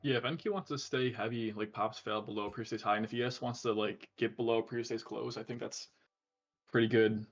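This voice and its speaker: A young man, a student who trades, chatting easily on a call with halting ums. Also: mid-range voice, fairly even intonation, muffled recording. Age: young adult. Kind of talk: casual trading chat.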